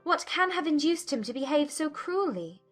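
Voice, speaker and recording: Lady playing a young well-bred woman all indignant, really high voice, proper old-time wording, audiobook drama, soft music under. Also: big pitch swings, normal speed. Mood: troubled, indignant. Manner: emphatic, formal period speech. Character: spirited, indignant young gentlewoman. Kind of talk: dramatized audiobook character acting.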